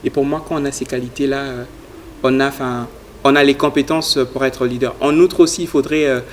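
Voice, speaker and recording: In this studio interview, a young Congolese man describes the youth leadership project he runs. He talks at medium pitch and a little fast, earnestly and evenly, leaning on frequent fillers, while a faint hiss or hum sits under the recording.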